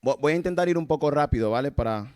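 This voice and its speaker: Talking fast in an animated, slightly mellow, higher-pitched voice, this Cameroonian evangelist delivers a casual sermon at church. He keeps it informal, asking the congregation rhetorical questions and chuckling between his points.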